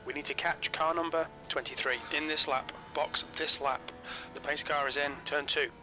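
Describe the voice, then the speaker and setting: A man voicing a calm race spotter and crew chief who gives terse pit radio calls in clipped, flat phrases. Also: fairly high pitch, normal speed, over music, close to an everyday voice. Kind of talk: prerecorded game announcements. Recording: loud race engine noise. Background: racing car engines.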